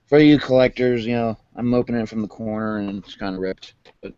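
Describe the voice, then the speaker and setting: Monotone man rambling through an unboxing. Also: on the low side, brisk, clean tone, dry recording, muffled recording. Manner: rambling, many fillers, calls own voice monotone. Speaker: vlogger. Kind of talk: casual unboxing chat.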